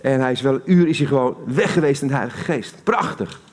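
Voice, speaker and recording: This preacher speaks at a medium pitch and a brisk pace. Giving a live sermon in a church hall with a Dutch accent, he addresses the congregation conversationally and asks them questions.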